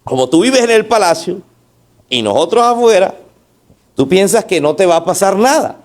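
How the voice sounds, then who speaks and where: A man's voice: high voice, lively intonation, normal speed, pitched above the performer's own voice. A pastor acting out a stern, reproachful man in a raised, scolding voice while reading scripture aloud.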